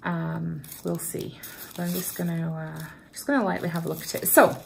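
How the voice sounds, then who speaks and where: A woman's voice: sits low, steady tone, moderate pace, creaky, a little hiss or hum. A woman vlogger chatting casually and self-deprecatingly while she repots houseplants at home, talking to a camera propped up in front of her. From Canada. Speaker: plant vlogger.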